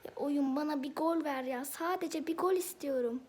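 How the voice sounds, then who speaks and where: Excitable high-voiced woman commenting her football game. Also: normal speed. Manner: excitable, exclaims and argues with the referee. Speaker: gameplay video host.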